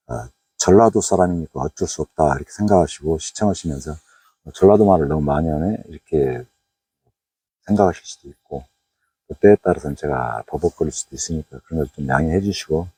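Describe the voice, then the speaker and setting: A man's voice: rumbling low, warm tone, breathy edge, no echo. A middle-aged man with a Jeolla Korean accent talks through a fishing vlog outdoors by a waterway at night, rambling and chatty with many fillers. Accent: Jeolla Korean dialect. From Jeolla province, Korea. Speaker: fishing YouTuber. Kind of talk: casual fishing vlog narration.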